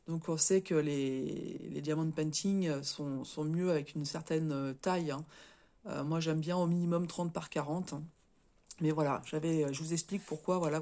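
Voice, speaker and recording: A woman with a cold talks through a casual show-and-tell vlog, her voice a little hoarse, stuffy and short of breath. She speaks haltingly, stumbling over words, restarting sentences and tagging them with little fillers. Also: low voice, warm tone. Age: adult, married. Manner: chatty, tags sentences with "hein". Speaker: crafts vlogger.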